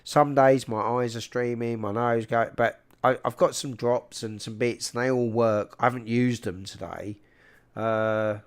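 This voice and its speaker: A man's voice: mid-range voice, steady tone, measured pace, clear, resonant tone. A man with a South London accent hosting a livestream in casual, matey chat, speaking into a large close microphone. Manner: informal and matey, calling people "mate". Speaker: livestream host.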